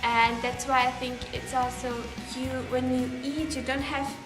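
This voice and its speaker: This Belarusian exchange student is in her teens and grew up speaking Russian. She responds to interview questions in English at a moderate pace, her high voice barely moving in pitch, with frequent fillers and false starts. The room echoes, and music plays in the background.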